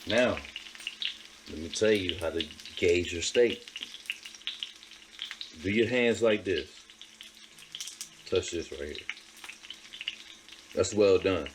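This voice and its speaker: A man's voice: low-pitched, slow, long pauses, background noise. A man casually showing how he cooks a steak in his home kitchen, emphatic and repeating his points. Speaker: home cook vlogger. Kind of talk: casual cooking demonstration. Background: sizzling pan on a stove.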